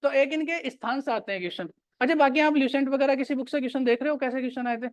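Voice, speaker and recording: A man's voice: very high voice, rapid-fire, dry recording. A male teacher giving a classroom grammar lecture, repeating key points and quizzing his students.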